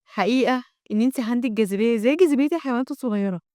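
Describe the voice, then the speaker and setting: A woman's voice: a little high, rapid-fire, mellow, no room sound, studio quality, close to an everyday voice. A woman with an Egyptian Arabic accent voicing a caring, fussy young woman guardian, reading her lines in a doting way.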